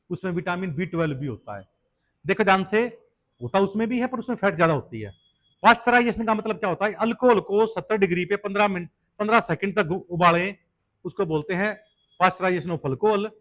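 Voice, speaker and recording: High-voiced male biology teacher. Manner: explains step by step, asks students questions; mixes English terms into Hindi teaching. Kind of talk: exam-prep lecture.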